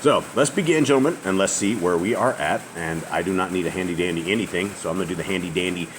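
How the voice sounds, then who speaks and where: Hosting a relaxed group Bible study at home, a man reads scripture aloud to his family in a loud, very deep, booming voice, pausing as he goes. Faint outdoor ambience drifts in from the open house and its noisy roof.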